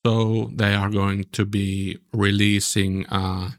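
Low, unhurried male podcast host. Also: level tone. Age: 40s. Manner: halting, repeats words. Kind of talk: casual chat.

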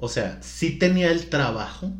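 A man's voice: fairly high pitch, expressive, normal speed, a little hiss or hum. Man, co-host, easygoing explainer in a roomy echo. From Culiacán, Mexico. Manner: chatty, explanatory, laughs easily. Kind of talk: casual chat.

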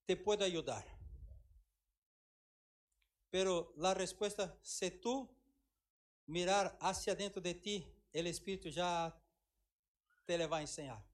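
High-voiced middle-aged pastor preaching emphatically. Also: male voice, a little slow, long pauses. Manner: emphatic, repeats phrases for effect, mixes Portuguese and Spanish. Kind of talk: sermon.

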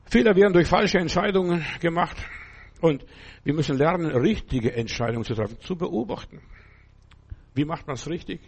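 A man's voice: mid-range voice, darkish tone, breathy edge. An older man preaching a sermon in a conversational, emphatic way, often asking his listeners whether they understand.

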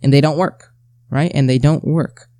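Speaking straight to his audience, the host of this self-help episode keeps things conversational, returns to key phrases and asks rhetorical questions. He has a dark, steady voice on the high side, moderately paced, with no echo.

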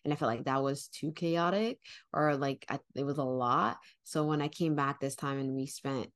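A woman in her late twenties speaks in a low register with a dry, echo-free sound. She co-hosts casually, in an informal conversational way full of "like". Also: normal speed. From not from New York. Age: around 29. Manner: informal, peppers talk with "like". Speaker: podcast co-host. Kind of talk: casual chat.

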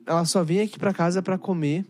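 A man's voice: high-pitched, fairly even intonation, fast talker, a little mellow, slight background noise. A young man, hosting a podcast and telling stories in laid-back, slangy casual chat. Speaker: podcast host.

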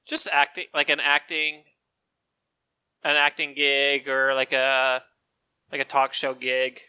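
A man's voice: mid-range voice, monotone, slow, sharp tone, smooth, dry recording. A man on a podcast who talks bluntly, swears constantly and sounds exasperated in casual banter.

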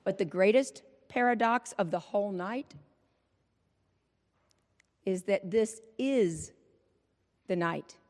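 A woman preacher giving an Easter Vigil sermon into a pulpit microphone, in a measured, rhythmic style with repeated refrains. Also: mid-range voice, darkish tone. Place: large church. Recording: long church reverb.

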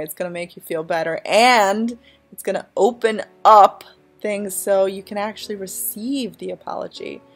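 A woman podcast host leading a calm, soothing guided visualization. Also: mid-range voice. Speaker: podcast host and life coach.

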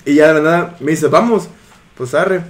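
A man's voice: fairly high pitch, moderate pace, a crowd in the background. A young man with a Mexican Spanish accent telling a slangy story to his friends, laughing and acting out the people in it. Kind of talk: casual storytelling among friends.

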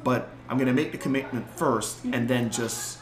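A middle-aged man and clinic co-owner telling stories in casual conversation, animated and repeating words for emphasis. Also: mid-range voice, normal speed, over music. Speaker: clinic co-owner, podcast guest. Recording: echoey room.

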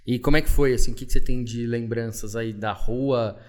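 A man's voice: medium pitch, fairly quick. A man hosting a casual interview podcast, asking questions in a friendly, easygoing way. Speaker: podcast host.

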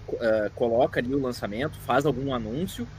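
A man's voice: medium pitch, fairly quick, over a noisy crowd. A man giving his opinion in a casual podcast chat.

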